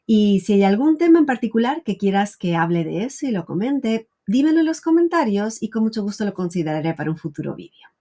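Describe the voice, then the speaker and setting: A woman's voice: medium pitch, a little mellow. A woman around forty explaining things earnestly and directly to the viewer as a channel host, recorded in a small home office. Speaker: YouTube channel host, wellness educator. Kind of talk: direct-to-camera explanatory vlog talk. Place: small wood-panelled home office, indoors.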